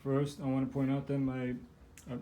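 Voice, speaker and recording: A man who is losing his voice rambles through a casual home vlog, showing off his guinea pigs' setup in his living room, with lots of fillers and restarts. His voice is mid-range, mellow, and monotone at a normal speed, and there is a little hiss or hum.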